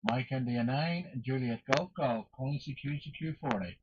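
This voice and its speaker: A man's voice: mid-range voice, moderate pace. Man calling on ham radio, dull static-tinged sound. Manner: formulaic, spells call signs in phonetic alphabet. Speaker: amateur radio operator.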